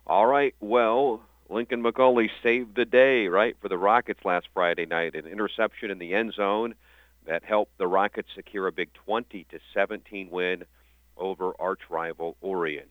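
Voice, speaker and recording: A man hosting a high school sports radio interview, with a loud, dense announcer delivery and radio broadcast sound. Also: fairly even intonation, normal speed, no echo. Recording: dull, dry lo-fi radio sound.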